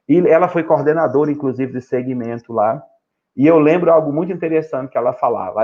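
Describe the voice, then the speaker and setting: A middle-aged man preaching as a pastor, emphatic, firing rhetorical questions and acting out children and parents in quick asides. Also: mid-range voice, phone-quality sound. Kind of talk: pastoral teaching in a live stream.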